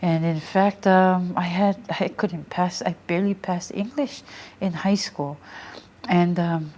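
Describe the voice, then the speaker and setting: This middle-aged guest from American Samoa, a Samoan language teacher whose first language is Samoan, tells her story in a casual, reflective interview. She talks at a measured pace in a fairly low voice, laughing readily and filling her speech with fillers and restarts.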